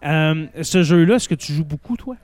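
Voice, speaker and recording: A man with a fairly high voice and a Québécois accent chats as an interviewer. He asks casual questions and repeats answers back in an encouraging way. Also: expressive, moderate pace, darkish tone. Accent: Québécois French.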